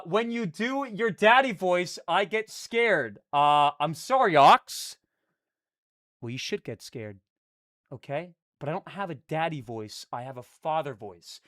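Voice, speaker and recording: A young man live streaming and chatting with his viewers, jumping between loud hype and a low, mock-menacing mutter. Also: dry recording, studio quality.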